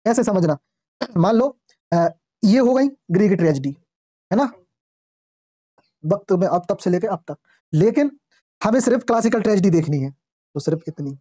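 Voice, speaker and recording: A male teacher giving a classroom lecture, reading English lines slowly, explaining them in Hindi, quizzing the class and clearing his throat often. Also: high voice, lively intonation, dark tone, no echo. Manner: quizzes the class with repeated questions. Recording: dull lo-fi classroom recording.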